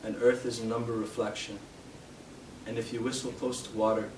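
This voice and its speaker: A young man from Canada giving a live poetry reading in a bookshop, hesitant with fillers between poems and steady in his verse. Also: medium pitch, fairly quick. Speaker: poet. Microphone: distant from the mic. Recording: roomy, distant, noisy live room sound.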